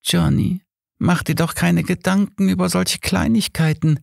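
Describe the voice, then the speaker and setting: A man's voice: high voice, steady tone, measured pace, creaky, no echo, studio quality, pitched above the performer's own voice, exaggerated voice. A man voicing the ghost of a dead wife who coaxes and pleads seductively.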